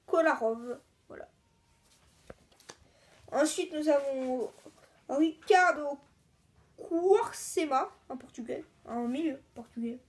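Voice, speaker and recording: A woman hosting her own video, chatting casually and haltingly as she opens card packs and lists each one. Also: sits high. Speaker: video host. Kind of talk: casual card-unboxing commentary.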